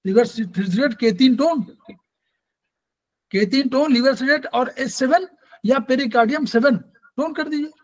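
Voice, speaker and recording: High-voiced man teaching acupressure. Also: moderate pace, low-quality recording. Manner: explains in plain terms, repeats points, Hindi mixed with English terms. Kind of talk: classroom Q&A on acupressure.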